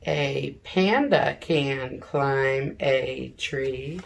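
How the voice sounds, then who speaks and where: Seated in an armchair in her living room, a middle-aged elementary teacher reads aloud to young children, speaking deliberately, sounding out words and posing questions. Her voice is a gravelly bass.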